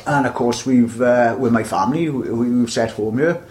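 A man's voice: medium pitch, normal speed, a little mellow, a little hiss or hum. An older man with a South Wales Valleys accent, reminiscing in a chatty, rambling way as an interview guest. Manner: rambling, chatty storytelling with repeated starts. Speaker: interview guest, veteran butcher.

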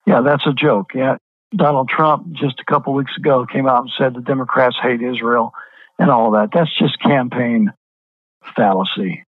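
Over a tinny phone connection, a man who is a pastor is interviewed as a guest. With a medium pitch and moderate pace and no room sound, he speaks emphatically, repeating words to drive his argument home.

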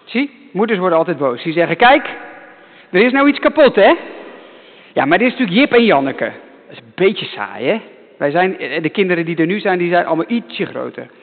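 Animated pastor talking to children. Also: male voice, fairly high pitch, fast, long reverb tail, narrow, tinny audio. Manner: animated, repeats himself to hold children's attention. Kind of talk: children's sermon. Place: church.

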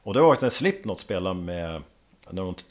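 A man, a drummer, chatting casually as a guest and telling lively stories with plenty of casual swearing. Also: low-pitched. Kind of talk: casual podcast chat.

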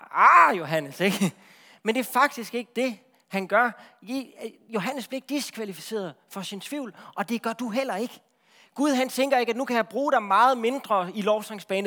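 A man delivers a sermon in a lively, talkative style, repeating words often and checking in with his listeners. His voice is very high.

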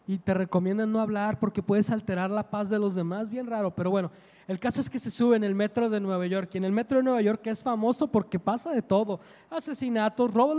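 A man preaching a sermon, telling a story with emphasis and building to loud passion. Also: high voice, big-room sound.

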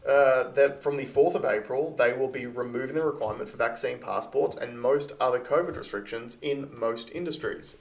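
An Australian man from Queensland, co-hosting a casual podcast and giving blunt opinions with frequent laughs. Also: mid-range voice. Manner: opinionated, laughs often, restarts. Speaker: podcast co-host.

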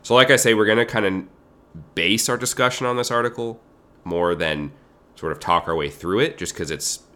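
A man co-hosting a theology podcast, sounding nasal from allergies, explaining thoughtfully with halting restarts. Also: fairly low pitch, bright, forceful tone. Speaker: podcast co-host. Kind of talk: casual theology podcast chat.

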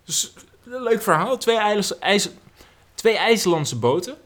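A man co-hosting a podcast, chiming in with playful, quick questions and jokes during a story. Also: high-pitched, lively intonation, a bit bright. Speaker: podcast co-host. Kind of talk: casual chat.

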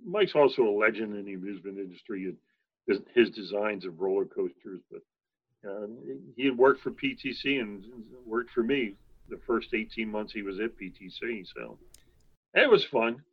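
An older man telling long anecdotes as an interview guest, rambling, with quick asides and chuckles. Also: on the low side, slightly rough, muffled recording. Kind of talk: anecdotal storytelling.

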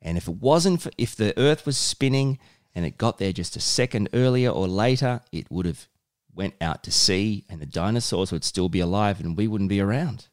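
On a relaxed podcast, a dad talks with his kid, gently asking questions and explaining things simply. He speaks at a moderate pace in an animated voice on the low side.

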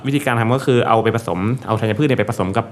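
A man's voice: medium pitch, rapid-fire. A man co-hosting a casual podcast chat, explaining history at length and admitting when he is unsure how to pronounce a name. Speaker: co-host explaining beer history.

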